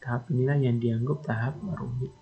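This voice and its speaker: Guy recording a lecture, talks slow and says "nah" a lot. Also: mid-range voice, fairly even intonation, phone-quality sound, slight background noise. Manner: explains slowly, often says "nah", imitates baby babble.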